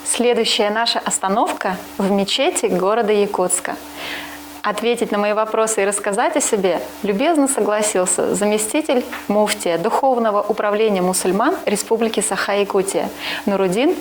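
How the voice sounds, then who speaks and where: A woman in a medium voice conducts an interview, asking her guests questions with courteous, formal phrasing. She speaks at an even, ordinary pace. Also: medium pitch, moderate pace, a little hiss or hum. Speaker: interviewer, host.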